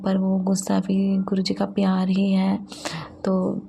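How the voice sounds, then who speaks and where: Gravelly, flat-voiced woman sharing faith testimony. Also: mid-range voice, lo-fi sound, a little hiss or hum. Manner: halting, many fillers and restarts. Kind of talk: devotional testimony talk.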